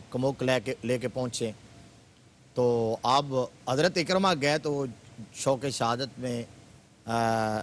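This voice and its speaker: A man speaking as a religious scholar in a TV studio, recounting events in a fervent storytelling voice. He builds from calm, measured passages into loud emphatic peaks. A faint hiss sits under the studio sound. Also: mid-range voice.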